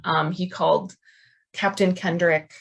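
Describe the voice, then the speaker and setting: A woman giving an academic history talk, pausing often with ums and restarting her phrases. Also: fairly low pitch, steady tone, gravelly, poor audio. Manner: hesitant, many ums and restarts. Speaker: history lecturer.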